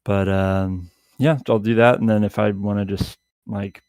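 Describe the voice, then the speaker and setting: A man chats casually as a podcast guest. His voice is low and gravelly, and the sound is dry and close. He trips over his words and leans on fillers. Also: fairly even intonation, a little mellow, no room sound. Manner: halting, filler-heavy, laughs easily. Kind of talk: casual chat.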